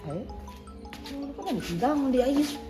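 Woman as a chatty mom hunting a bride for her son, bit high voice, faint music behind. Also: normal speed. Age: middle-aged. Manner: chatty, animated on the phone. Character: chatty middle-aged mother seeking a bride. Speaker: mother of the groom.

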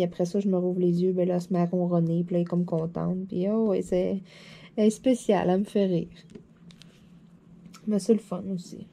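A woman with a Quebec French accent, chatting casually while crafting, a bit hoarse from a dry throat, rambling and laughing often. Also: medium pitch, mellow. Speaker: diamond painting vlogger.

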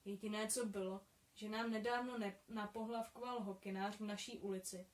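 A shy young boy from a storybook, sounding a little sorry for himself, read by a woman in her own voice. He speaks gently and plaintively, at a middle pitch. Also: fairly even intonation, natural voice. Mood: rueful.

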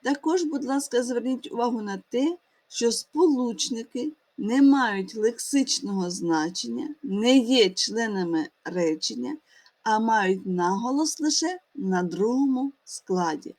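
A woman's voice: on the high side, lively intonation, unhurried, darkish tone. Woman teaching a grammar lesson. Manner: addresses the class as children often, with fillers and restarts.

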